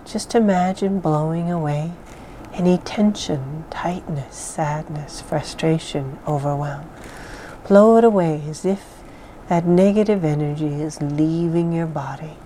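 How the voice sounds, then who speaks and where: Soft calm lady doing guided meditation, really slow and mellow, bit of background noise. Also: low voice. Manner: soft, calm, soothing delivery with breathy phrase endings. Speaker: mindfulness exercise guide. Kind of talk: guided meditation, soothing instruction.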